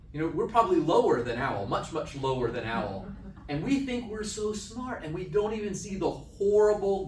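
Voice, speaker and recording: A man giving a casual lesson at a camp, retelling a story with animated energy and often asking his listeners if they follow. His voice sits a bit high, and it is picked up from a distance in an echoey room with faint ambient sound behind. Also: slight background noise. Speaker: camp speaker teaching a class.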